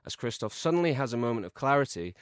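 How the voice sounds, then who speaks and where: A man co-hosting a podcast, reading out a comic film pitch with deadpan storytelling delivery. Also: quick pace, no echo, clean studio sound. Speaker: podcast co-host.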